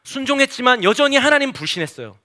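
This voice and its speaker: Male pastor, sermon, animated storytelling, high, very lively pitch. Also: quick pace. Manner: animated storytelling, acts out quotes.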